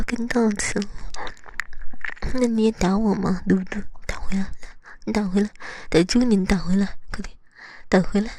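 A woman's voice: medium pitch, mellow, a little hiss or hum, lightly acted. A woman in a whispered role-play, voicing a jealous, possessive young lover who scolds and then coaxes close to the ear.

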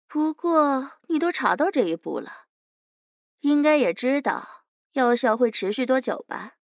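A woman's voice: high-pitched, expressive, unhurried, no echo, clean studio sound. A woman voicing a fearless, smug young captive who teases her interrogator and calls herself big sister, in an audio drama.

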